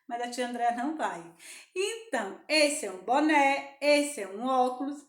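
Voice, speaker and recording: A young Brazilian woman teaching small children with a high, sing-song voice. She coaxes them along, asks questions and answers them herself. The sound is roomy and echoey, like a bare classroom. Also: animated, unhurried. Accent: Brazilian Portuguese. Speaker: primary school teacher.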